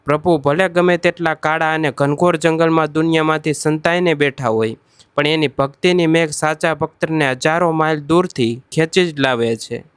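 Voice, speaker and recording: A man's voice: a little high, moderate pace, smooth, dry recording. A man narrating a devotional story, addressing listeners as devotees with emotive delivery.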